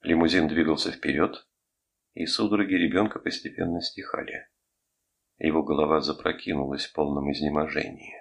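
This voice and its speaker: A man reading an audiobook aloud in steady, measured scripted narration. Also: rumbling low, gravelly.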